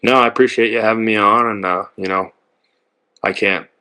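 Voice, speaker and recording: A young man as an interview guest, talking modestly and hesitantly with pauses. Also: fairly low pitch, fairly even intonation, bright, forceful tone, clean tone. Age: young adult. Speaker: guest, college wrestler. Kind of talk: casual interview chat.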